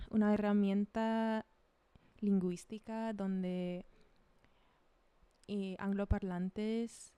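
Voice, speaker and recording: Young woman rambling while she works, mellow smooth voice, dry close sound. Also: mid-range voice, no echo. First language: English. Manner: rambling, switches between English and Spanish, trails off into tangents. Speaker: vlogger preparing DJ sets. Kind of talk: casual chat while working.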